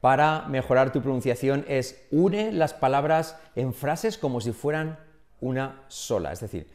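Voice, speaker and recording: A man from Spain with a Spain Spanish accent, an English pronunciation teacher giving an energetic online lesson and drilling example phrases aloud. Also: mid-range voice, unhurried.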